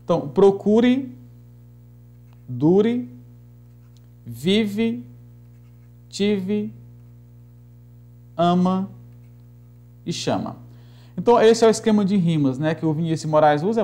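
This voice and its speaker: A man teaching a recorded literature lesson, patiently explaining rhyme and meter, slowing down to count syllables aloud and often checking in with "né" and "tá". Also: fairly high pitch, a little mellow.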